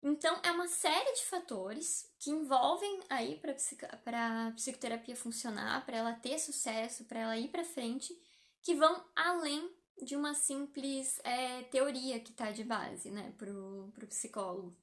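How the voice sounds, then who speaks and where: On a live stream, a young Brazilian psychologist explains things in a chatty, casual manner, using many fillers. Her voice is high and a little slow, with a Brazilian Portuguese accent.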